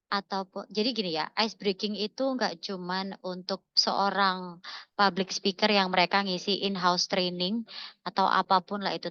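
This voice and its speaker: A woman's voice: medium pitch, a bit bright, no echo, lo-fi sound. A woman speaking in a webinar, answering audience questions with encouraging tips and repeating key words for emphasis. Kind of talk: coaching talk answering questions.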